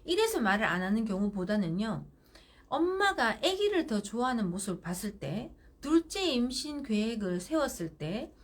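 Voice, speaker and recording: A middle-aged woman hosting live parenting advice, speaking firmly and directly and acting out parent-child exchanges. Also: a little high. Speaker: parenting counselor.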